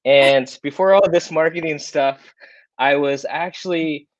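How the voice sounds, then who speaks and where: A young man, born in South Korea and raised in Iowa, USA, gives a casual webinar presentation as a guest presenter, chatty and upbeat with plenty of fillers. His voice is on the high side and a little slow. The recording has no echo, but the highs are cut off.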